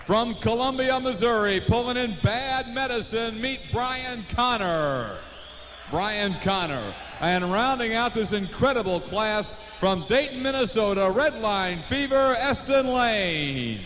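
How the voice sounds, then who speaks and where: Echoing, high-pitched American male arena announcer. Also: lively intonation, slow pace, fairly bright tone. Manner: booming showman delivery with stretched names. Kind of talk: driver introductions at a tractor pull show. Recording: echoey, noisy live arena PA.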